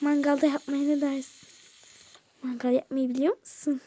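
Woman plays a sweet fussing aunt in a toy-game story, very high voice, calls everyone dear. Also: flat delivery, moderate pace, dark tone, lightly acted. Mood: fond. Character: kind caring aunt, middle-aged woman. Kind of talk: toy game role-play voice-over.

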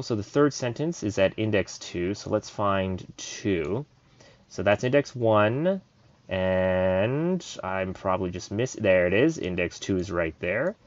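A man with a lowish voice walks through code in a relaxed coding tutorial, thinking aloud as he goes. The recording is dull and lo-fi, with keyboard typing behind him. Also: dry recording. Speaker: programming tutor.

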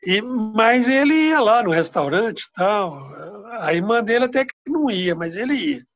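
A man's voice: high voice, sing-song, normal speed, a bit bright. An older man from recalling old stories over a video call, hesitant and trailing off. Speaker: father telling family stories. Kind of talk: casual recollection. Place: home room, indoors. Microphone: laptop webcam on video call. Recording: dull lo-fi video call audio.

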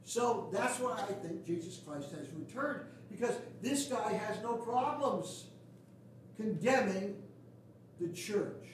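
In a small wooden church sanctuary, an older pastor gives a blunt, folksy, sarcastic sermon, his high-pitched voice expressive and slow. The sound, picked up by a far camera behind the pews, is echoey and distant with a little hiss or hum.

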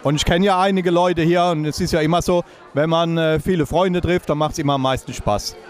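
A man's voice: fairly high pitch, steady tone, brisk. A man in his forties, a guest at a New Year's Eve party, answering an interviewer with enthusiasm. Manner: enthusiastic, praising. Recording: loud music and crowd.

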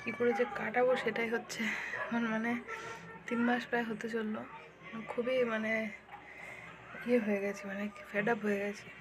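A young mother, chatting casually in a home vlog, speaking softly so as not to wake her husband, with many fillers. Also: on the high side, little pitch movement, normal speed, pauses often. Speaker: vlogger and mother. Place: sunny home balcony. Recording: clear background noise.

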